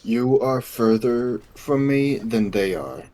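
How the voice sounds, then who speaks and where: A man's voice: medium pitch, animated, slow pace, mellow. A man chatting casually and joking with friends as he plays a game. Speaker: player in a group gaming session.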